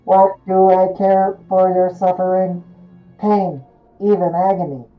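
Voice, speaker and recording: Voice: mid-range voice, phone-quality sound. A player putting on a solemn robot voice. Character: robot reading an ancient philosophy text. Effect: robot voice put on by a player. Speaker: tabletop game player.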